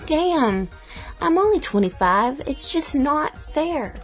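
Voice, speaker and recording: A woman's voice: high voice, big pitch swings, slow, full character voice. A woman in her twenties playing a vain young wife who pleads and pouts about her looks, with faint music underneath. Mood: upset. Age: 20s. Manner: pleading, pouty. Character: vain young wife fretting over wrinkles.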